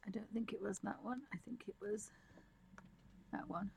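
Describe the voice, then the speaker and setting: A woman's voice: medium pitch, steady tone, normal speed, gravelly, a little mellow, slight background noise. A woman giving a casual, unscripted art tutorial, musing and thinking aloud as she draws. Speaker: digital art tutorial presenter. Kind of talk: casual, unscripted demonstration commentary.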